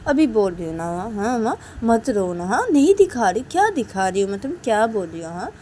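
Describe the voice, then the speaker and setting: A woman voicing a grandmother who fusses, apologizes and scolds in a loud high voice. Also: sing-song, a little fast, a little hiss or hum, natural voice. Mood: scolding.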